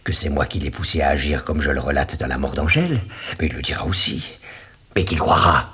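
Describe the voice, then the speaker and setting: An actor playing a vain, manipulative crime writer in a 1980s radio drama, theatrical and swinging between cooing whispers and shrill outbursts. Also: male voice, brisk, fairly bright tone, breathy edge, heavily acted. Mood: gloating. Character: scheming middle-aged male crime writer, vain and manipulative. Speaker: Anselme Leroy, suspect author.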